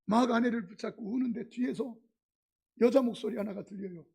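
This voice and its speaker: A middle-aged male pastor preaching a sermon, telling stories dramatically with sudden loud exclamations and leading the congregation in call-and-response. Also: extremely high pitch, a little fast, gravelly, husky. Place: church sanctuary.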